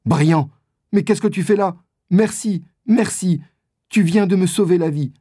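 Man doing a teenage boy, much higher voice, earnest and grateful, storybook, slow. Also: warm tone, breathy edge, no room sound, clean studio sound.

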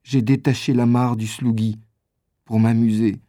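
A man's voice: medium pitch, level tone, measured pace, warm tone, no room sound, studio quality, lightly acted. A man voicing a young boy who is determined and tearful with guilt, in a storybook reading. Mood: insistent. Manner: tearful, insistent.

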